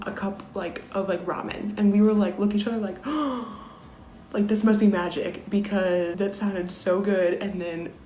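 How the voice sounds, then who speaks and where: A woman's voice: mid-range voice, mellow, reverberant, slight background noise. A young American woman vlogger telling a story in a chatty way, full of fillers, sometimes dropping to a near whisper. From United States. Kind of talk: casual storytelling.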